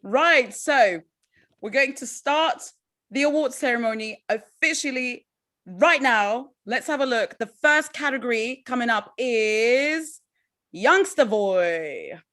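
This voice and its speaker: Animated and on the high side, a woman MCs a virtual award ceremony, taking it slowly with a slightly bright tone. Over the video call she's upbeat and encouraging and addresses her audience as "guys."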